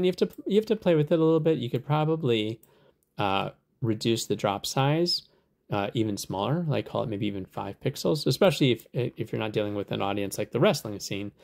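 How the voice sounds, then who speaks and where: A man hosting a software tutorial, explaining steps in a relaxed, conversational way with lots of fillers. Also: on the low side, creaky. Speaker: tutorial host.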